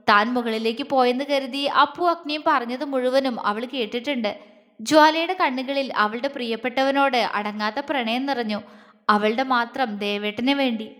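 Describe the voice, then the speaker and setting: High-voiced woman narrating a romantic story. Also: a bit bright, long reverb tail.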